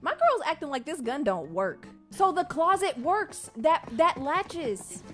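A woman with a very high, bright voice, commenting on a horror game for her stream. She swings around a lot in pitch, shouts at the characters and swears freely, then drops into chatty asides to her viewers. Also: sing-song, measured pace, faint music behind. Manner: chatty asides to chat with "girl" and "y'all". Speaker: gaming streamer. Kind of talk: live gameplay commentary.

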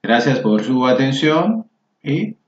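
Slow and sing-song, a man's mid-range voice carries a screen-recorded Spanish lesson in which he patiently spells every word form aloud. The recording is lo-fi, dull and roomy.

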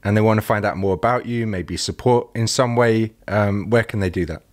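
A man's voice: fairly low pitch, fairly quick. A man co-hosting a podcast, asking questions in a friendly, jokey way. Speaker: podcast co-host. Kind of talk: podcast interview.

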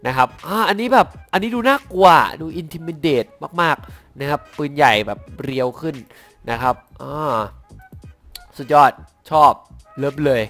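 A young man giving casual commentary on game skins, excitable, swearing now and then, stumbling a little when reading lore. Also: on the high side, unhurried, soft background music. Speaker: gaming YouTuber reviewing skins.

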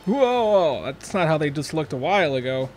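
A man's voice: fairly high pitch, fast talker, slight background noise. A young man hosting a let's play, thinking aloud in casual, chatty commentary.

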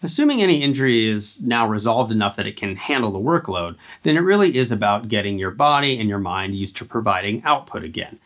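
A man's voice: lowish voice, a little fast, few pauses, lo-fi sound. Earnest man explaining fitness to camera. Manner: earnest, steady and instructive. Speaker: host. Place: indoor home climbing wall.

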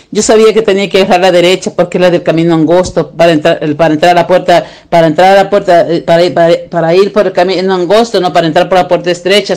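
High-voiced man recounting a dream. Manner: rambling, repetitive, earnest. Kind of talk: religious testimony.

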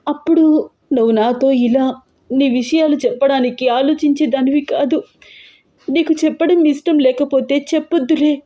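Woman doing teary big sister in a wheelchair, pregnant, pleading, highish mellow voice. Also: normal speed, long pauses, natural voice. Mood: weeping. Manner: weeping, pleading. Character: pregnant older sister in a wheelchair, tearful and protective.

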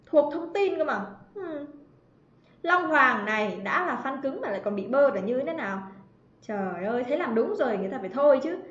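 A woman teaching an English grammar livestream, chatty and teasing, calling out students by name. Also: high voice. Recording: roomy, slightly dull livestream audio.

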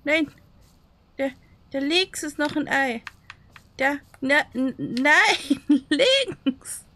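A woman's voice: high voice, lively intonation, drawn-out words, bright, forceful tone, a little hiss or hum. A woman streamer commenting emotionally on a game she plays, prone to squealing cries and frightened outbursts, with faint game music behind her. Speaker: gaming streamer. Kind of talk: let's play commentary.

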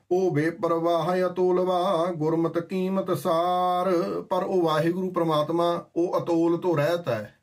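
A man giving a sermon that explains scripture. He chants verses slowly and then explains them in plain, conversational talk. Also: on the high side, darkish tone. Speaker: Sikh scripture preacher.

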